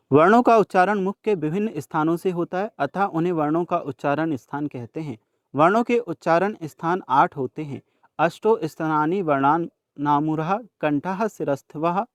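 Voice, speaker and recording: A man's voice: on the high side, dry recording. A young man teaching a workbook lesson, patiently explaining each answer and speaking directly to students.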